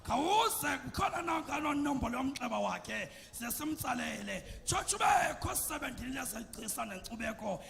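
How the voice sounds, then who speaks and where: A man performing praise poetry at a ceremony, declaiming in a shouted, chanting delivery. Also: very high voice, sing-song, normal speed, vocal fry, hardly any pauses, slight background noise. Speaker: praise poet. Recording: long hall reverb, faint music.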